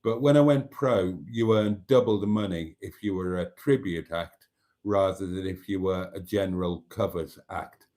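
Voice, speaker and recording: A low-pitched, dark-toned male voice at a moderate pace belongs to a Welsh live streamer from Wales whose first language is Welsh. He chats casually and meanders, with many fillers and restarts.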